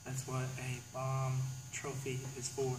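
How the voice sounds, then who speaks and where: A man's voice: medium pitch, completely flat delivery, takes it slowly. Cocky man cutting a wrestling promo, roomy sound. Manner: cocky, boastful, challenging. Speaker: pro wrestler guest. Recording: roomy, distant mic with hum and noise.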